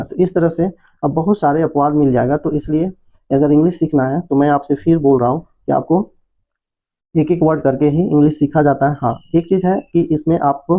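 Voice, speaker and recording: A man hosting an English lesson for beginners, explaining spelling and pronunciation patiently and repeating checks with his listeners. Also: fairly high pitch. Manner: patient, repetitive explaining with frequent "है ना". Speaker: English teacher, channel host. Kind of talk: Hindi-language English lesson. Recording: tinny phone-like audio.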